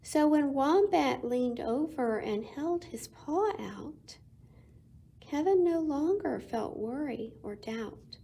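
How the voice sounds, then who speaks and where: Woman doing library storytime, high soft mellow voice, super slow and expressive with big pauses. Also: vocal fry, a little hiss or hum. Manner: deliberate, dramatic pauses, explaining pictures. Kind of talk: expressive picture-book read-aloud for children.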